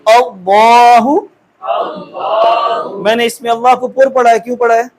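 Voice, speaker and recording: A man teaching Quran recitation step by step, patiently checking in with his students and stretching out each syllable slowly as he demonstrates it. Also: very high voice, completely flat delivery, background noise.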